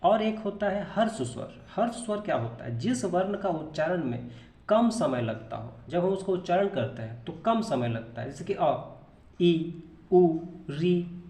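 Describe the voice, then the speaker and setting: A man's voice: high voice, animated, normal speed, darkish tone, echoey room. A man teaching a grammar lesson, explaining patiently, repeating terms and answering his own questions.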